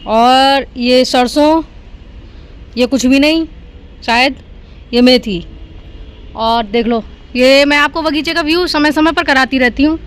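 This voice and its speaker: A woman's voice: high-pitched, slow, pauses often. A middle-aged woman chatting casually to her viewers as she films her garden and her day outdoors on a handheld phone. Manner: chatty, talks straight to viewers and laughs loudly. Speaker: vlogger filming her family day. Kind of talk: casual vlog narration to camera. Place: outdoors in a home garden, later a park.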